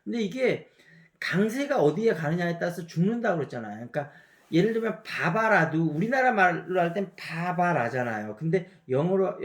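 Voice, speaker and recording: A man's voice: fairly high pitch, reverberant. A man in his fifties with a slight Gyeongsang Korean lilt, an English teacher chatting through a pronunciation lecture and demonstrating words aloud.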